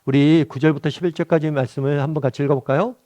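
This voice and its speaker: A pastor gives a morning devotional in a close, dry room, his voice sitting a little high for a man. He speaks with his listeners and puts questions to them before he answers. He takes the quoted lines slowly and gives each one weight. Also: steady tone, dark tone, no room sound. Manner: slows down to act out quoted lines.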